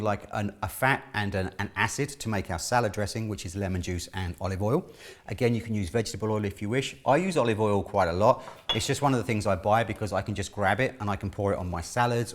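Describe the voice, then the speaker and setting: Male chef presenter, middle-aged, lower voice, rapid casual delivery, chatty instructional style. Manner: chatty, instructional, often checking in with "okay?". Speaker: chef presenting a cooking lesson. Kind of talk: casual cooking demonstration. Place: indoor kitchen studio.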